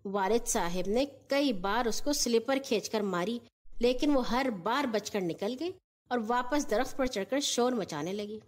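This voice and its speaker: A woman's voice: on the high side, animated, a little slow. A woman narrating a scripted children's story as a storyteller.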